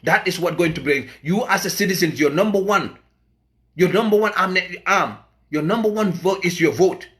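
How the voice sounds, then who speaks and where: A man's voice: high-pitched, animated, moderate pace, a bit bright. A man from the Gambia giving an impassioned political address as an activist, emphatic and repetitive, often stumbling over his words.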